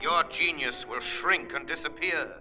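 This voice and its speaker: An actor playing a shrewd, commanding invisible avenger in a 1930s radio drama, theatrical, persuasive and taunting. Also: male voice, a little high, measured pace, over music, lightly acted. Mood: scornful, taunting. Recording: muffled 1930s radio recording.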